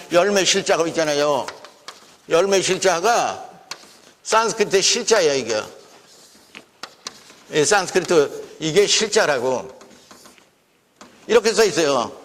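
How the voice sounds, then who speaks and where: A man with a high voice gives an invited lecture, driving his points home with emphatic rhetorical questions. The sound carries a long reverb from a lecture hall. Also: a bit bright. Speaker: guest lecturer.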